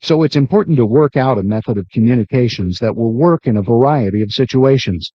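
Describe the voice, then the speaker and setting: A man reads scripted instructional narration in a measured way, like a training video narrator. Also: mid-range voice, animated. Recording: dull lo-fi worn videotape sound.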